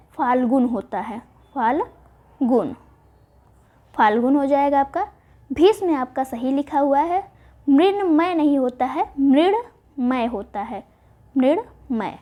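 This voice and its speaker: A woman teaching Hindi spelling for exam prep, spelling words out slowly and answering her own questions. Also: high voice, a little mellow. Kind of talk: online exam-prep lesson.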